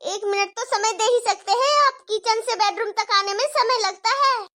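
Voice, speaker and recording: A timid young wife voiced by a woman, hurried and placating. Her voice is very high and bright in a cartoon story. She is eager to please. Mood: anxious.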